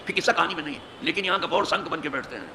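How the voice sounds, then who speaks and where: A man's voice: on the high side, background noise. A man, an imam giving a hadith sermon from the pulpit of a mosque, emphatic and full of rhetorical questions. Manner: emphatic, rhetorical questions, rising to forceful peaks.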